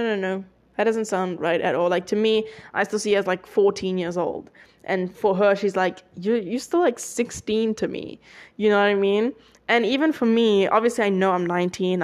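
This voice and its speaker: A young woman of nineteen hosting a solo podcast, chatting casually with many fillers and self-corrections. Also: mid-range voice. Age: young adult. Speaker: podcast host.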